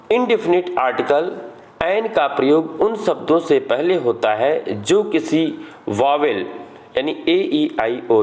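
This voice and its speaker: A man's voice: fairly high pitch, darkish tone. A male teacher, explaining a grammar lesson step by step and answering his own questions. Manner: slow, explains step by step, asks questions then answers them.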